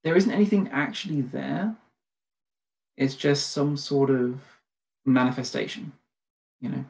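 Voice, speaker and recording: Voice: medium pitch, lively intonation, measured pace, creaky, a little mellow. A casual game master narrates a tabletop role-playing session. They lean on fillers like "like" and "um" and often correct themselves in mid-sentence. The delivery is loose and conversational. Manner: chatty, lots of fillers and self-corrections.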